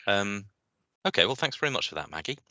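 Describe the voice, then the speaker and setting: A man chairing an online meeting, moving through the agenda with hesitant pauses and fillers. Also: on the low side, big pitch swings, pushed and bright, no echo. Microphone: video call.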